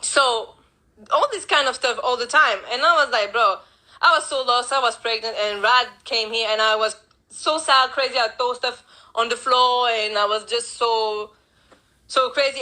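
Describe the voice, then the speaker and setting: A woman telling a painful personal story in a halting way, with many restarts and retold dialogue, speaking English as a with as her first. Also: a little high, bright, forceful tone, rough recording. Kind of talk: emotional personal account.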